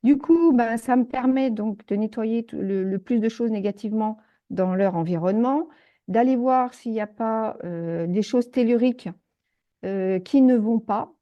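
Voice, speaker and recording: A woman guest in a casual interview, telling her own stories in an animated, exclamatory way, full of fillers and restarts. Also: fairly high pitch, measured pace, dull audio. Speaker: energy healer guest.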